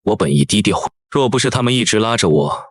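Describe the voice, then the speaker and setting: A man's voice: fairly low pitch, expressive, fast talker, breathy edge, no room sound, clean studio sound. A man narrating an audio drama in the first person, in a matter-of-fact way.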